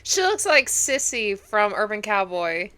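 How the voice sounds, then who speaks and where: A hoarse, congested woman hosting a movie reaction, chatting casually and talking back at the screen with sass. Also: medium pitch, big pitch swings, unhurried, sharp tone, faint music behind.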